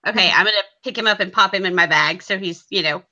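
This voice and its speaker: Woman player, bright crisp tone, rambles and corrects herself, lo-fi call. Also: mid-range voice, fast talker. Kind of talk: casual tabletop game chat.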